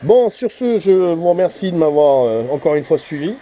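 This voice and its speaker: A mellow, slightly high male voice moves at normal speed and sounds animated. The speaker, a hobbyist CB radio channel host, rambles casually in his vlog, hesitating and letting thoughts drift off with little tag words.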